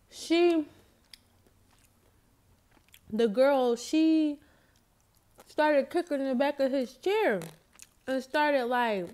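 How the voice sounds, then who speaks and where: A woman's voice: high-pitched, a little mellow. A woman casually telling a story in slangy speech while eating, her mouth sometimes full. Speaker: vlogger.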